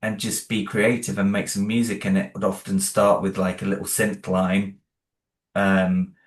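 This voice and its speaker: A man with a deep voice and a completely flat delivery talks at a moderate pace in a casual interview about making music and sound for his audio drama. He rambles, full of fillers and restarts, and is self-deprecating.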